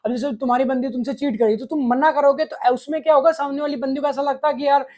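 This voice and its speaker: Here a relationship advice vlogger talks fast in a very high, slightly mellow voice with fairly even intonation. His monologue to the viewer is blunt, crude and scolding, full of swearing.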